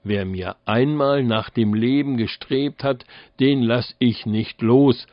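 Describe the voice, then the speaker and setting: A man voicing a clever, cautious young student in a fairy tale, calm and shrewd. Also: medium pitch, slow, no room sound, highs cut off, lightly acted.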